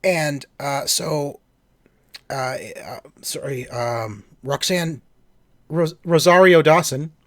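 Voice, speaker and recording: An eager male podcast co-host talks in loose, rambling bursts, full of fillers and restarts. His voice sits a little high. The sound is dry and close, with no room around it. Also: takes it slowly, no echo. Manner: enthusiastic, rambling with many fillers. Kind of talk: casual chat.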